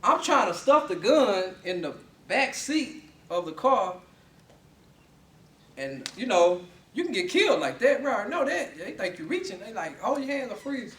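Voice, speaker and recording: A young man giving a lively personal story speech to a class, often laughing as he tells it. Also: high voice, moderate pace, far from the mic. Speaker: student speaker. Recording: echoey room, mic from afar.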